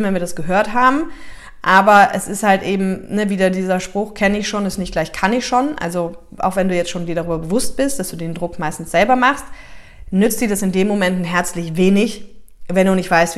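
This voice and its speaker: Gentle woman coaching on a podcast. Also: mid-range voice. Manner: gentle, reassuring, explains with spoken examples. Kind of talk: casual advice podcast talk.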